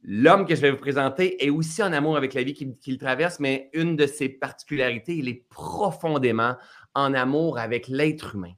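A man's voice: medium pitch, normal speed, a bit bright. Teasing Québécois man hosting a live stream. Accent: Québécois French. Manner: chatty, teasing. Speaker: host. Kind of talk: live-streamed casual interview.

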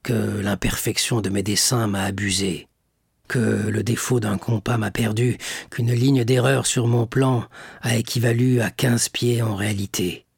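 A man voicing an aged male prisoner, grave and weary, speaking low through a wall in a raspy, gravelly voice. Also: fairly even intonation, a little slow, no room sound, studio quality, full character voice. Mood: explaining. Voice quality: low, sepulchral, muffled. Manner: questioning, terse, then despairing.

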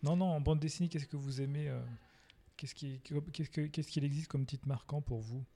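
A man's voice: a little high, steady tone, moderate pace, mellow. Polite man hosting a podcast. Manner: polite interviewer, formal address. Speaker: podcast host. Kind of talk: podcast interview.

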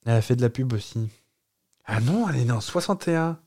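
A man co-hosting a podcast, full of jokes and wild guesses, his pitch leaping around as he talks. The sound is dry and close, with no room in it. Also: expressive, fast talker, mellow, dry recording. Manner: playful, jokey, wild guessing. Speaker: podcast co-host. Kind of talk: casual banter.

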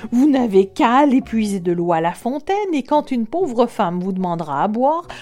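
A woman reading a storybook, voicing a harsh, grasping mother with a loud, sharp, demanding voice. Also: a little high, expressive, moderate pace, faint music behind, natural voice.

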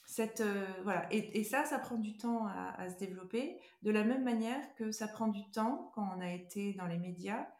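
A woman's voice: mid-range voice, normal speed, hardly any pauses, a little mellow, roomy sound. A middle-aged woman being interviewed casually, choosing her words hesitantly and often restarting her sentences. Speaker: interview guest, beauty brand co-founder.

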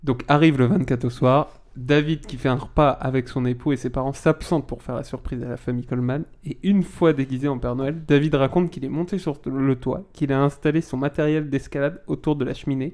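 Man, co-host, storytelling, relaxed, mid-pitched. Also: fairly quick, few pauses. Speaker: podcast co-host. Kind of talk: casual chat, telling an anecdote.

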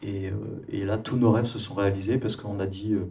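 A man from France, a musician and producer, talking in a relaxed interview with many hesitations and restarts. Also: lowish voice, brisk, distant mic.

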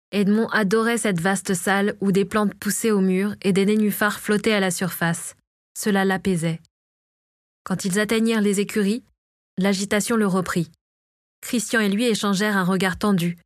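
A woman's voice: medium pitch, dry recording, clean studio sound. Woman steadily narrating a fantasy audiobook. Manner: steady, measured reading.

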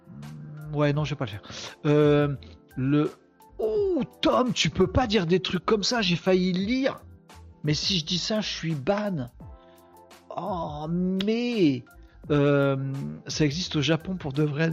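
A man's voice: a little high, highs cut off. A man hosting a daily live web podcast, joking and interrupting himself while chatting with his audience. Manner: joking, self-interrupting, talks to chat. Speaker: podcast host. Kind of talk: casual live commentary on news.

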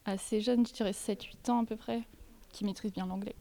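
A woman bookseller recommending a children's book slowly and hesitantly. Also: mid-range voice, fairly even intonation, gravelly, warm tone.

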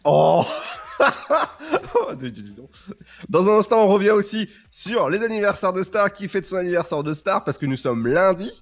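A male radio co-host in a studio, playful and quick to giggle while announcing what is coming up. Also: sits high, lively intonation, soft background music. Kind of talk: casual radio banter. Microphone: studio microphone.

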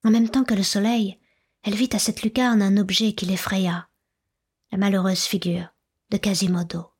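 A woman reads a classic novel aloud in a soft, measured voice that drifts into whispers. Her tone is very breathy and husky. She keeps a flat, even delivery with little rise and fall. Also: medium pitch. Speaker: audiobook narrator. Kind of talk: literary audiobook narration.

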